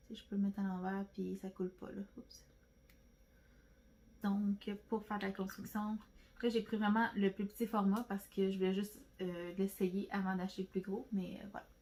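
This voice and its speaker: A woman's voice: mid-range voice, little pitch movement, normal speed, darkish tone, rough recording. A woman from Quebec with a Québécois French accent, chatting casually through a nail product haul at home, rambling with lots of fillers and restarts. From Quebec, Canada. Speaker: nail beauty vlogger.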